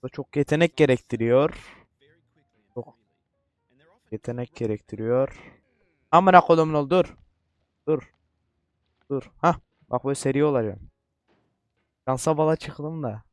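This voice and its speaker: A man giving let's-play commentary, cursing a lot in frustration and repeating short words while coaching himself to stay calm. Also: medium pitch, unhurried, long pauses, no echo. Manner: repetitive outbursts. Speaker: gaming YouTuber.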